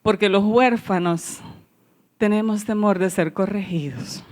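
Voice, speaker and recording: A woman's voice: medium pitch, measured pace, a little mellow. A woman pastor giving a sermon, telling her own story and addressing the congregation as beloved. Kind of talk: sermon testimony.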